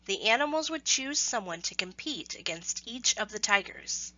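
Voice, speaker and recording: In a medium-pitched voice, a woman narrates a scripted children's story, giving the lines expressive, deliberate phrasing. The audio quality is dull.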